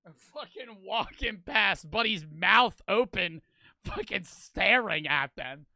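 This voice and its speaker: A man hosting a reaction video, commenting excitedly and swearing as he reacts to footage. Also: high-pitched, slow pace, vocal fry. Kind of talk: casual commentary.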